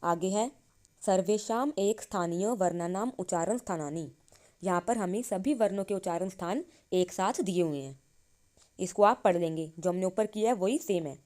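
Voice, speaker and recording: A slightly mellow, mid-range female voice teaches Sanskrit grammar with explanations in Hindi. Her reading is slow, each syllable drawn out, and she both asks and answers the questions.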